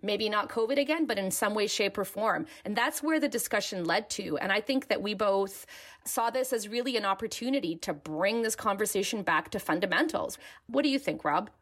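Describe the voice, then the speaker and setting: A woman with a mid-pitched voice hosts a podcast conversationally. She records at home in a bedroom, with a towel hung up as makeshift sound treatment. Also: lively intonation, fairly quick, a bit bright. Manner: speaking with a towel hung behind to dampen sound. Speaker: podcast co-host, personal finance editor. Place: child's bedroom with clothing rack and towel as makeshift booth.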